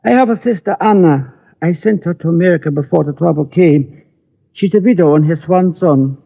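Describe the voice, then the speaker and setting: Playing an elderly German immigrant gunmaker in his sixties, small and polite and in need of help, a man acts in a 1940s radio drama. His earnest voice is a little high with vocal fry, and his English comes out halting, formal and foreign-phrased with a German accent, heard through a tinny vintage recording.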